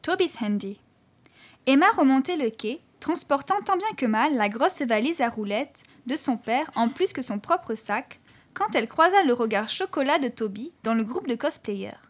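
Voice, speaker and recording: A woman narrating a children's story in an expressive, clear reading voice. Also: high voice, normal speed. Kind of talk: audiobook narration.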